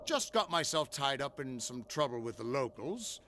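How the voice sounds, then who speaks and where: Gravelly old adventurer, jovial and boastful for a game; bright, lively delivery. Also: male voice, mid-range voice, moderate pace, a little hiss or hum. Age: older. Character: spry, cheerful old male fighter.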